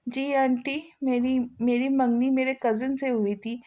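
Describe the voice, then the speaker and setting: A woman's voice: sits high, little pitch movement, a little slow. Woman voicing a tearful pleading young woman. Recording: slightly dull lo-fi sound.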